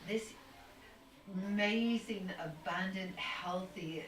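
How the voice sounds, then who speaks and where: A woman's voice: medium pitch, slow, slight background noise. Rambling woman on a distant roomy mic. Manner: rambling, spiritual, many restarts. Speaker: guest. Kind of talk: casual conversation.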